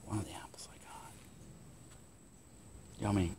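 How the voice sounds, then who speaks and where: A middle-aged man vlogging in casual running commentary, chatty and explaining what he does as he goes, sometimes hushed. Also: fairly low pitch, steady tone, unhurried, vocal fry, in a whisper. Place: in a car and outdoors in a driveway. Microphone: handheld or dash-mounted camera. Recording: noisy outdoor and road sound.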